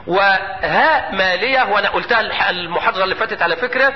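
A high-pitched man with an Egyptian accent teaches Quran recitation, firing quick questions at his students and slowing into melodic chant for each example verse. The recording is dull and lo-fi, with a long echo from a lecture hall.

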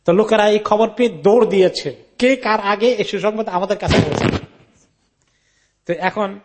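A high-voiced man gives a Quran commentary lecture at normal speed, reciting Arabic narration and explaining each part. He retells the story in the first person, blends English words into his speech, and there's background noise.

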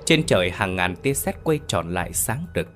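A man narrating a horror story in a steady, dramatic way. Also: deep voice, normal speed, music in the background.

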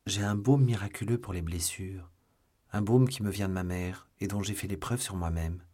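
Brief: man reading eager young duelist, courteous but bold, husky low voice, audiobook. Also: moderate pace, dark tone. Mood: earnest, polite.

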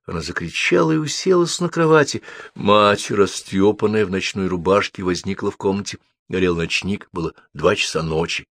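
A man narrating a story aloud in an expressive, theatrical manner. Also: deep voice, normal speed, no room sound, clean studio sound. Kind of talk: audiobook story reading.

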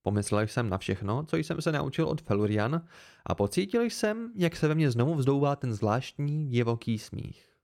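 A man reading a novel aloud as an amateur audiobook, in an even, measured way. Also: mid-range voice, creaky. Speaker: audiobook reader.

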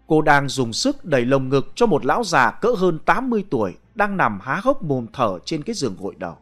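A man narrating a ghost story aloud in a dramatic, expressive way. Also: medium pitch, brisk, faint music behind.

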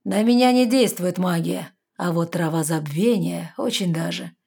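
A woman voicing a brooding, predatory male fairy lord who speaks in a firm, clipped, slow way. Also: on the low side, creaky, mellow, husky. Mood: cold commanding.

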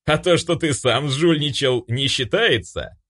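A man's voice: medium pitch, measured pace, fairly bright tone, pitched above the performer's own voice. A man reading an audiobook voices a sly male demon who teases and smirks. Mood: teasing. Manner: teasing, smirking. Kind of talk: audiobook character voice.

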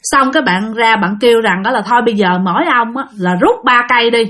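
A woman's voice: fairly high pitch, quick pace, a bit bright. A woman narrating a spooky story in a chatty way, talking straight to her listeners. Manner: chatty, addresses listeners directly.

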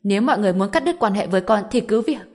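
An exasperated young wife, voiced by a woman narrator, speaks firmly and quickly. Her indignant lines come in an audiobook reading. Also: medium pitch, steady tone, darkish tone, close to an everyday voice. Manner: firm, indignant.

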